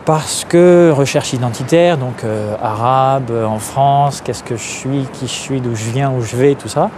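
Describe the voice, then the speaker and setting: A man's voice: medium pitch, unhurried, noisy background. A man from Algeria answering interview questions openly, hesitating often with fillers and restarts. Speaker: interview guest, activist. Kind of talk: candid interview.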